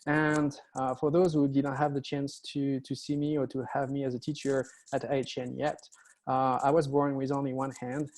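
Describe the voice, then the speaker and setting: A man with a French accent gives an online lecture at a middle pitch. He talks hesitantly and fills his sentences with "uh". He sounds middle-aged, speaking through a computer mic on a video call. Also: level tone, moderate pace, darkish tone. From France. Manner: hesitant, many "uh" fillers. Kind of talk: webinar lecture.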